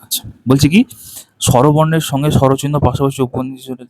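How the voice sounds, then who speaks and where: A man, walking through a textbook page in a lesson, ending nearly every point with a quick tag question and counting items aloud. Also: mid-range voice, flat delivery, a little mellow, dry recording. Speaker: teacher.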